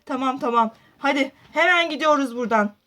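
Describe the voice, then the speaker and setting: A woman's voice: high-pitched, a little fast, sharp tone, pitched below the performer's own voice. A woman voicing a stern adult male police officer who scolds firmly in a doll roleplay. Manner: firm, scolding.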